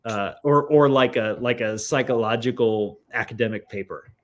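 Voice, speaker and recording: Male guest, middle-pitched, rambling musing talker, casual. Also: moderate pace. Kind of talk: casual chat.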